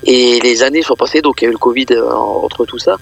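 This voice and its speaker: A festival organiser, appearing as a guest on a radio interview, speaks off the cuff, halting and often repeating words mid-phrase. His voice is medium in pitch, steady in tone, and gravelly.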